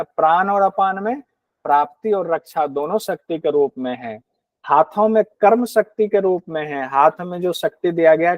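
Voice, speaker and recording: A somewhat high-voiced man, captured in a dry recording, teaches scripture in Hindi. He works through the verses by asking and answering his own questions, now and then voicing grudging, rude hosts in quoted asides.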